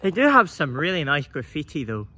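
Filmed on a handheld phone, a young urban explorer vlogger gives a nervous walking commentary while poking around an abandoned building, outdoors and inside the derelict structure. His voice is a little high with big pitch swings and a brisk pace over a noisy background. He's jumpy and easily spooked, muttering to himself as he goes.

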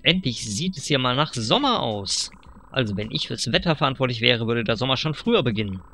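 Guy reading out a chatty little villager, lively, a bit gravelly. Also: mid-range voice, fairly quick, slight background noise. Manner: cheerful small talk. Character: chatty friendly animal villager.

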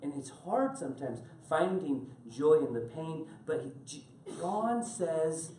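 A male pastor preaching a sermon to his congregation, animated and laughing as he tells stories and calls on people by name. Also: a little high, unhurried, a little hiss or hum. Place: church sanctuary. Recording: echoey room from far off.

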